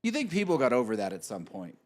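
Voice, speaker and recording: Podcast co-host, man, mid pitch, very animated delivery, casual gripes. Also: fast talker. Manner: animated, griping about gross habits. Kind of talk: casual banter. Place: cigar lounge.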